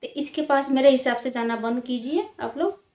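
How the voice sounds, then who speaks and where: A woman vlogger talks straight to camera in an admonishing tone, repeating her points and checking in with tag questions. Her voice sits a little high for a woman. The recording carries a roomy echo off the walls. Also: normal speed, a little mellow. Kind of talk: direct-to-camera opinion vlog. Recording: roomy echoey room.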